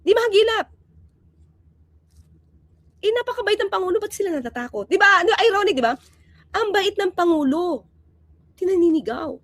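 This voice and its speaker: A woman's voice: very high voice, moderate pace, pauses often, dry recording. A woman hosting a casual political commentary vlog, talking emphatically and animatedly and throwing out rhetorical questions to her viewers. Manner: emphatic, keeps asking rhetorical "di ba?"; animated, swings between loud and quiet.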